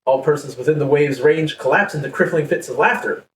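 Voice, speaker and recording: A male podcast host reads a story aloud playfully. His voice is a bit high and sounds roomy. It is picked up from far off the mic, with faint noise behind it. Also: brisk. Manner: playful, laughs while reading. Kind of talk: reading a story aloud to co-hosts. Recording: echoey, distant mic with faint background noise.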